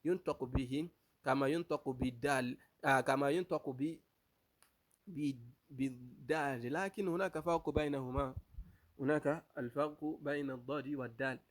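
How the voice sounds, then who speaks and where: A man's voice: medium pitch, normal speed. A man teaching Arabic pronunciation, who repeats each letter sound aloud several times, asks the class if they follow, and switches between English and Arabic. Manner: asks the class rhetorical checks. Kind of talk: pronunciation lesson.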